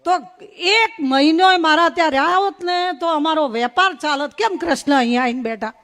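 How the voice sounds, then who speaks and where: High-voiced witty woman. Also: normal speed, a bit bright. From North Gujarat. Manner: witty, storytelling, folksy. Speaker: guest speaker at a religious gathering. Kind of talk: humorous public speech.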